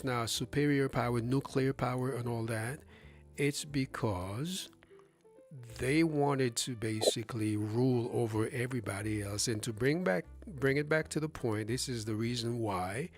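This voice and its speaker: Faint music sits under a man's mid-range voice as he hosts a live stream at a measured pace. The discussion is casual, but he speaks with emphasis, poses rhetorical questions and frequently starts phrases over.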